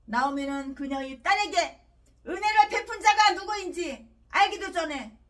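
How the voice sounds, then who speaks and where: A woman pastor preaching an expository sermon, emphatic and repeating herself, at times breaking into angry shouted tirades, her voice distant from the mic. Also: very high-pitched, moderate pace.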